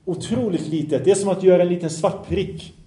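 A man teaching an Islamic study lesson in a fairly high but mellow, warm voice. He recites Arabic passages, translates and explains them, and quizzes his listeners. The recording sounds echoey and roomy. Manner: asks the listeners questions. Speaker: religious teacher. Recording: echoey room.

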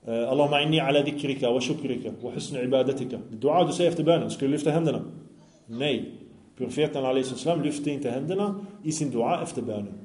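A man's voice: mid-range voice, dark tone, reverberant. A man giving a lecture, earnest, often asking his listeners questions. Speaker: Islamic lecturer. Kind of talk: religious lecture with audience questions.

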